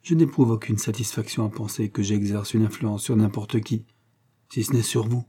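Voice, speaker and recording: A man voicing a grave, lovesick colonel in an audiobook, passionate and earnest. His voice is dark and husky, low in brightness, with a mellow warmth. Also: steady tone, normal speed.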